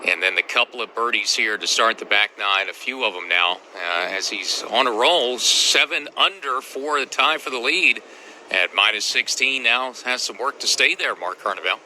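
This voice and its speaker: A man's voice: mid-range voice, expressive, moderate pace, pushed and bright, slight background noise. A man anchoring live golf commentary, giving leaderboard updates and handing over to reporters. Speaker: anchor host of golf radio coverage.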